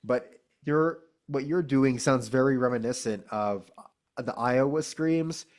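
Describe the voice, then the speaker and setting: A man's voice: medium pitch, a little slow, a little mellow. Laid-back man coaching a singing lesson. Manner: laid-back, encouraging, peppers speech with "dude" and "man". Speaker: vocal coach. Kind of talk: casual one-on-one singing lesson.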